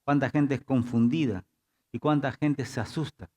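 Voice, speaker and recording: A man's voice: medium pitch, moderate pace, warm tone. A male pastor preaching a sermon in church, often prompting the congregation with "diga" and checking in with "¿sí?". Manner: repeats "diga" and "¿sí?" to engage the congregation.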